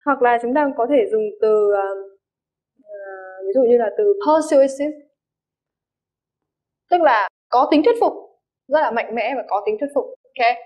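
A woman's voice: fairly high pitch, a little slow, pauses often. A woman English teacher explains vocabulary, giving many examples and often checking that her students follow. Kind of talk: vocabulary lesson. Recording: dull lo-fi recording.

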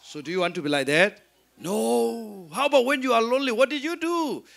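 A man's voice: extremely high pitch, brisk, creaky, a bit bright. A man teaching an interactive Bible lesson, asking questions and answering them himself, then leading the class to repeat after him. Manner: leads call-and-response repetition. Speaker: Sunday school teacher.

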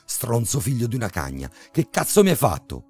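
Panicked trapped guy yelling and begging, a man acting it out, deep voice under it. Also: big pitch swings, measured pace, slightly rough, soft background music, exaggerated voice. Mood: furious. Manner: shouting, pleading.

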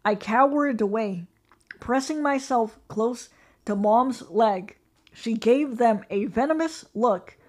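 A woman narrating a horror story in a measured, ominous, scripted way. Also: on the high side, darkish tone.

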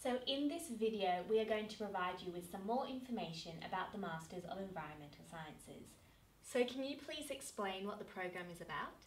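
A woman's voice: medium pitch, lively intonation, a little fast, far from the mic. Woman, young adult, host, upbeat interviewer, roomy echo, faint background hiss. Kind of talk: presenting, interviewing.

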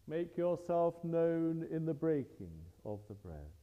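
Male priest, slow and solemn, in a dull recording with a long cathedral echo and faint music behind. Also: fairly high pitch, big pitch swings. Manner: slow, measured, solemn recitation. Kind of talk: liturgical prayer at Mass. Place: large church. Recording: dull lo-fi recording in a reverberant church.

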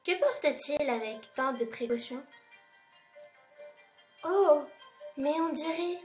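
A woman's voice: high voice, lively intonation, slow pace, a little mellow, reverberant, faint music behind, pitched above the performer's own voice. A woman voicing an awestruck little girl in a storybook reading, full of breathless wonder.

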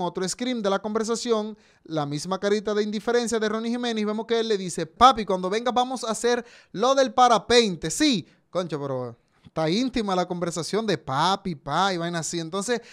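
A man hosting a gossip show, reading chat screenshots aloud and commenting, slowing down to stress the quoted messages. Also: high voice, a bit bright, clean tone. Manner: reads chat messages aloud with slowed emphasis.

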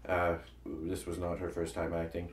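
A man with a lowish voice chats casually about his comedy web series and keeps restarting his sentences. He sounds set back from the mic in a roomy, echoing space. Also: completely flat delivery, moderate pace, far from the mic. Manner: rambling, restarts sentences often. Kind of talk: casual chat. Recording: echoey room, voice a bit off-mic.

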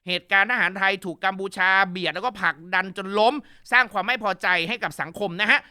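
A man hosting a casual news commentary show, animated and gossipy with crude jokes. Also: sits high, quick pace, clear, resonant tone.

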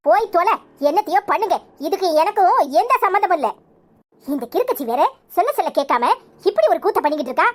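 A woman playing a sharp-tongued older village sister, scolding and mocking in a Kanyakumari Tamil accent. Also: extremely high pitch, lively intonation, fast. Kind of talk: village comedy serial acting.

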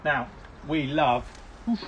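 A man's voice: on the high side, fairly even intonation, slow pace, highs cut off. Chatty man cooking outdoors. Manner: chatty, talks while eating, laughs often. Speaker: cooking demonstrator. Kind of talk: live outdoor cooking demo. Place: outdoors by a barbecue grill. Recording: noisy outdoor background.

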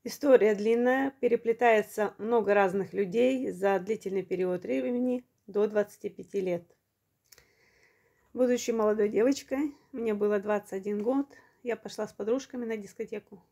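Woman around fifty, from Ukraine, mellow voice, plain home vlog storytelling, slightly short of breath. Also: medium pitch, moderate pace, vocal fry. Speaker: vlogger. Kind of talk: personal storytelling to camera.

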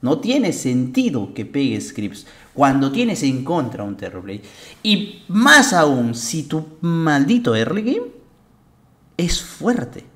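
A man's voice: medium pitch, huge pitch swings, slow, a little mellow. A young man, a game coach who breaks down a match in casual commentary, blunt, emphatic and full of profanity.

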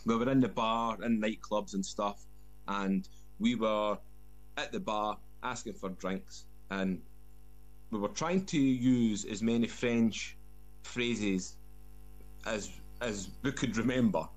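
A man's voice: on the low side, takes it slowly, faint music behind. A man from Scotland with a broad Scottish accent, telling casual anecdotes as a guest and often repeating words. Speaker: guest, former soldier.

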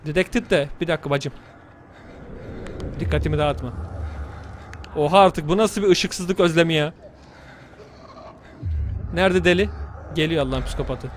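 A man's voice: on the high side, fairly bright tone, slight background noise. A young man commentating a horror game let's play, muttering to himself and cursing at the game. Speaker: gamer.

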